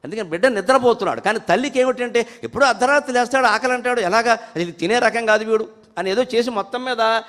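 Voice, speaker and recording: A man with a Telugu accent delivers a devotional discourse in a high voice. Between his plain explanations he slows down to chant verses with fervour. The sound carries a long hall reverb. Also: fairly bright tone. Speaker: spiritual speaker.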